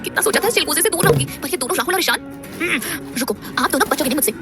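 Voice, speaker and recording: A woman voicing a feisty, outspoken young college girl with quick, teasing comebacks. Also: high-pitched, animated, pitched above the performer's own voice. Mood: flustered. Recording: background music under voice.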